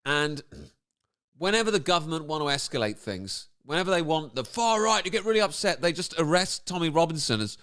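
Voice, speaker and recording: A man's voice: a little high, very animated, brisk, a bit bright. A man doing comedic commentary on a video, firing off sarcastic, incredulous rhetorical questions.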